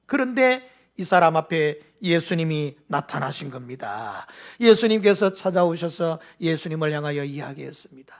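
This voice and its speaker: A middle-aged man with a Gyeongsang accent preaches a sermon with animated delivery. His voice sits high and swings widely, and he slips into acted lines of dialogue in his regional dialect. The style is a church sermon. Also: normal speed. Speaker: pastor.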